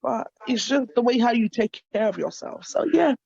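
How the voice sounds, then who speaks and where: A woman's voice: fairly high pitch, normal speed, creaky, dark tone, husky, dry recording. A woman in her thirties hosting an online interview show, enthusiastic and affirming. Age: 30s. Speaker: host. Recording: dry, slightly dull sound.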